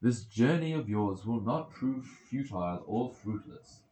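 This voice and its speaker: A man performs a goddess disguised as a wise old male mentor in an epic audiobook, sounding encouraging, emphatic, commanding, and reassuring. His mid-range voice is mellow and close to everyday speech, a little slow, with lively intonation. It's a dramatic character reading in a roomy, echoing home recording.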